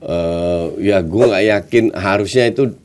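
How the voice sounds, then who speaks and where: A man with an Indonesian accent talks football in a relaxed, chatty way. He slips English phrases into his sentences as he gives his views. His voice sits a little low. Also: a little slow, smooth. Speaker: football pundit. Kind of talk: casual football chat.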